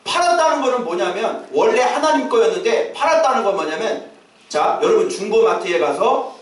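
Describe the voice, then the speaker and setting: A man preaching a sermon as a pastor, who often shouts out acted calls to his congregation. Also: high-pitched, animated, fairly quick. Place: church sanctuary. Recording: echoey church hall, mic at a distance.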